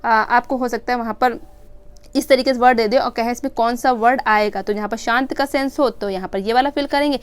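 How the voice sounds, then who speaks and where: A woman's voice: on the high side, fairly even intonation, fairly quick, clean tone. Indian woman teaching, asks herself questions. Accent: Indian English. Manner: explains step by step, asks and answers her own questions; mixes English terms into her teaching talk. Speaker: English teacher. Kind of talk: exam-prep grammar lesson.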